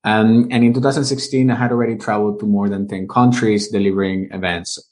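A man from Venezuela in his thirties, a business owner telling his career story in a casual interview, animated as he tells it. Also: fairly low pitch, fast talker. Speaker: guest, live streaming business owner.

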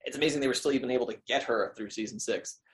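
A man with a mid-range voice co-hosts a casual podcast and talks quickly. He sounds eager and often stammers and restarts as he builds his point. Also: mid-range voice. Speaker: podcast co-host. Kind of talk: casual chat about a cartoon.

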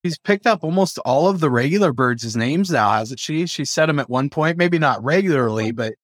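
A man's voice: on the high side, moderate pace, no room sound, studio quality. A man who keeps parrots chatting casually in a group and acting out little quotes as he tells stories. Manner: animated storyteller, acts out quotes. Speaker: parrot owner.

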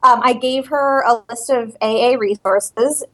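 A woman's voice: a little high, measured pace. A bubbly, chatty woman calling in as a guest on a podcast, laughing often. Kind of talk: casual podcast chat. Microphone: call-in line over speakers.

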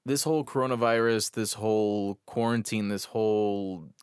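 Low-voiced American man podcasting from a closet. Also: fairly even intonation, clean tone, no echo. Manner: halting, earnest, pausing between short phrases. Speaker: podcast host. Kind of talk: reflective solo podcast monologue. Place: small bedroom closet. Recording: close, dry closet recording.

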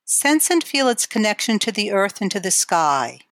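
A woman giving guided imagery exercises in a calm, measured, instructional way. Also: medium pitch, no echo, clean studio sound.

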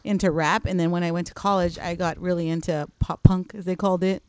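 A woman in her thirties, co-hosting a casual chat and telling stories with quick laughs. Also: on the low side, steady tone, a little hiss or hum. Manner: chatty storyteller, quick laughs. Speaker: co-host.

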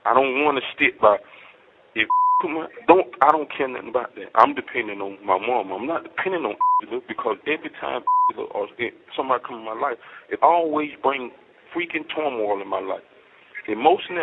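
A man's voice: mid-range voice, gravelly, very noisy. A man talking on a prison payphone call, rambling and preachy, quoting scripture and turning heated and accusing. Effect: prison payphone line. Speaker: inmate on a prison phone call. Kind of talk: rambling phone talk. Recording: tinny phone line with music behind. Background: music.

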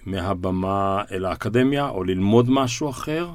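A man hosting an interview, asking reflective questions in measured, drawn-out phrases with stammered restarts. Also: on the low side, darkish tone, dry recording. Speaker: interview host.

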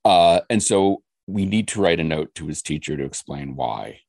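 Deep gravelly male podcast host. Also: animated, normal speed, a little mellow, no room sound, studio quality. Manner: joking, playful. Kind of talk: casual podcast chat.

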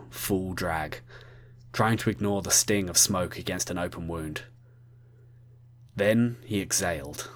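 A man narrating a heist story from a script, now and then speaking straight to the listener. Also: sits low. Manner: addresses the listener directly.

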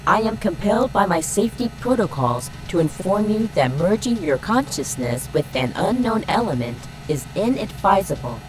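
A woman voicing a calm female ship's computer that gives formal, even warnings in an audio drama. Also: medium pitch, normal speed, few pauses, music in the background, lightly acted, poor audio.

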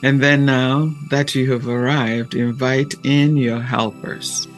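A man speaking in a gentle, measured and deliberate way, with long pauses, as he hosts a reflective talk and guided meditation. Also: medium pitch, little pitch movement, soft background music. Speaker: podcast host and meditation guide.

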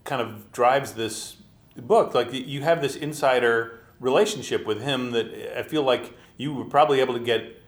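A man's voice: mid-range voice, moderate pace, roomy sound. A man interviewing a biographer, asking friendly follow-up questions in casual talk.

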